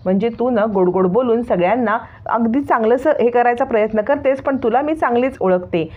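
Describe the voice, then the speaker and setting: A woman voicing a rude, defiant teenage girl who fires off sharp questions, in a retold serial story. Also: on the high side, natural voice. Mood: indignant. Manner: sharp, quick-fire questioning. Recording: tinny phone-like sound.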